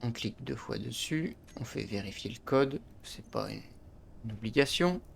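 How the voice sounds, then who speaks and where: A man's voice: medium pitch, lively intonation, normal speed, vocal fry, a little hiss or hum. A man hosting a gaming channel, explaining a space game step by step with frequent restarts and little interjections. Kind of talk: game tutorial commentary.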